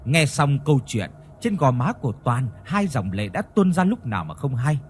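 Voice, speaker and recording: A man narrating a ghost story in an expressive, dramatic way. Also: medium pitch, moderate pace.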